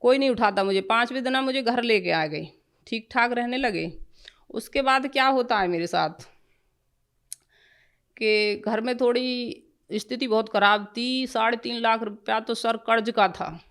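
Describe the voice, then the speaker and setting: A woman's voice: on the high side, a little slow, fairly bright tone. A middle-aged woman giving an emotional personal testimony, rambling at times and breaking off to restart.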